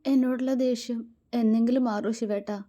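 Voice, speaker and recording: A woman reading a story aloud, voicing a hurt young woman who pleads softly with her lover. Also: fairly high pitch, a little fast, husky. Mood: pleading.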